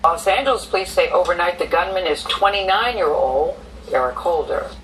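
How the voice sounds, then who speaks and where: Fairly high-voiced guy reading the news, distant played clip, a bit of hiss. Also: lively intonation, a bit bright. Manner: formal, measured news delivery. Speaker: news reporter. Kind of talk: broadcast news report.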